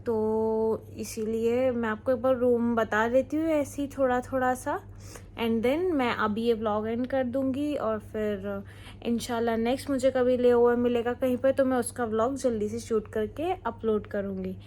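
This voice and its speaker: A woman's voice: fairly high pitch, steady tone, unhurried, darkish tone. Chatty young woman vlogging from a hotel room. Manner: chatty, mixes English words into Hindi. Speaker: flight crew vlogger. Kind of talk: casual vlog chat to camera.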